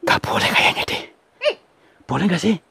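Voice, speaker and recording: A man, from Central Java, hosting a ghost-hunting vlog outdoors in a forest, giving hushed commentary and coaxing with repeated soothing words. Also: sits high, wildly swooping pitch, moderate pace, creaky, breathy edge, no echo. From Central Java, Indonesia. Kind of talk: hushed on-location exploration commentary.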